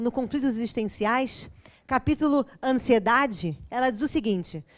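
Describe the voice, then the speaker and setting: A woman with a Brazilian Portuguese accent giving a spiritual lecture to an audience, chatty and joking, often asking her listeners to agree. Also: sits high.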